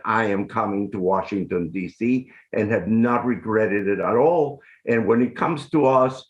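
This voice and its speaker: A middle-aged man from Honduras, hosting an interview from his art-filled home over a video call, speaking in an effusive, deliberate way. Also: mid-range voice, muffled recording. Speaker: host, arts commissioner. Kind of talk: scripted-sounding interview hosting. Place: home room full of art and books. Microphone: video call webcam.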